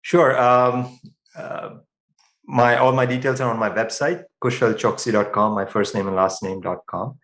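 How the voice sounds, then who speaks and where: A man's voice: medium pitch, steady tone, moderate pace, fairly bright tone. Earnest man in an echoey room. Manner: earnest, thoughtful, restarts phrases. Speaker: podcast guest. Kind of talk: reflective interview talk.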